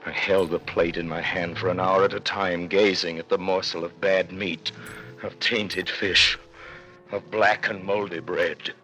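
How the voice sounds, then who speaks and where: Edmond Dantes, grave low-voiced prisoner. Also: male voice, little pitch movement, pushed and bright. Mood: grave, despairing. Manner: grave, deliberate, intense. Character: anguished imprisoned man recounting his years in a dungeon. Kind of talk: classic radio drama acting, dramatic first-person narration. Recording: noisy old radio recording.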